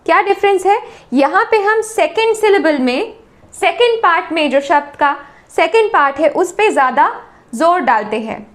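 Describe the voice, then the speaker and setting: A woman with an Indian accent teaching English pronunciation, repeating each word slowly and drawing out its syllables. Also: extremely high pitch, animated. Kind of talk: slow, deliberate pronunciation lesson.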